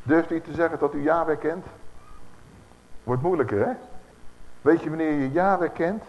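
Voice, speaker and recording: A man preaching a Bible teaching sermon, animated and putting rhetorical questions to his audience. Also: fairly high pitch, normal speed. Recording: echoey hall, dull lo-fi sound, faint hiss.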